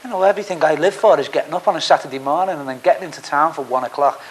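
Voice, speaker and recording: An interviewee talking casually in an animated, scornful way. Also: medium pitch, rapid-fire, slight background noise, low-quality recording. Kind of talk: casual opinionated talk.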